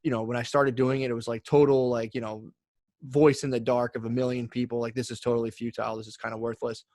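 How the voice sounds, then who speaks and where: Fast-talking man in his thirties. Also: mid-range voice, level tone, darkish tone, no echo, clean studio sound. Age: 30s. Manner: rambling, frequent fillers. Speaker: podcast guest. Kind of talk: casual podcast chat.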